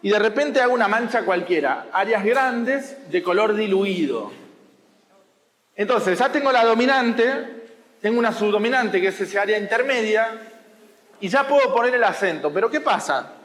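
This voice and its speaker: This man's high, expressive voice is a bit bright and moves at a moderate pace as he teaches in a school hall. An Argentine with a Rioplatense Spanish accent, he gives students a watercolor masterclass, explaining, poking fun at them, and checking comprehension.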